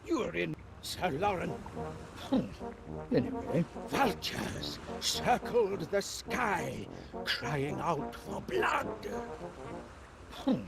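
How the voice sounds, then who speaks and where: A pompous old English army major for a video game. He blusters theatrically, breaking into yells, with a slow, swooping delivery and a gravelly edge. Music plays behind him. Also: high voice, big pitch swings, over a noisy crowd, full character voice. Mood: blustery, theatrical. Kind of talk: video game character acting.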